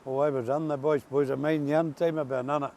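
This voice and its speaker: An older man with a rural Ulster accent, chatting and telling stories casually as an interview guest outdoors. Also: fast talker. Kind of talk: casual storytelling chat. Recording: steady background noise, outdoor rumble.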